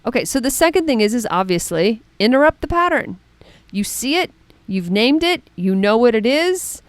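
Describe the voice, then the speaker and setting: A middle-aged woman coach giving a casual spoken lesson, chatty and animated, often checking in with "right?" and "okay?". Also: on the high side, normal speed, clean tone, no echo. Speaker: mental performance coach.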